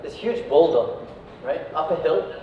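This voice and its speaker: At a measured pace, a man from Iraq with a somewhat high, animated voice talks informally to an audience, leaning on tag questions such as "right" and "yeah." He's a company founder speaking in an echoey indoor venue, picked up by a distant mic, so the audio is dull with a bit of noise.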